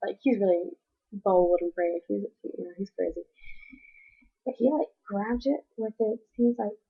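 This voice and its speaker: A woman's voice: medium pitch, a little slow, slightly rough. A teenage girl telling a story to her webcam at home, chatty and rambling with lots of "like". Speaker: vlogger. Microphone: built-in webcam mic. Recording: dull lo-fi webcam audio.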